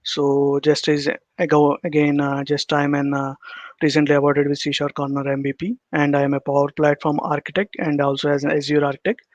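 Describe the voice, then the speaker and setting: A man in his thirties with an Indian accent gives a halting, repetitive online presentation over a video call. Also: a little high, monotone, no echo. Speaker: guest presenter, solution architect. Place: indoor room, on a video call. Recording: dull, close-sounding video call audio.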